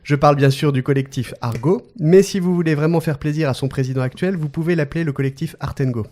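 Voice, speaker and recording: A man's voice: a little high, quick pace, dark tone. A man hosting a podcast, reading out a guest introduction with playful joking asides and frequent laughter. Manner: playful, often breaks into laughter. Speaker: podcast host.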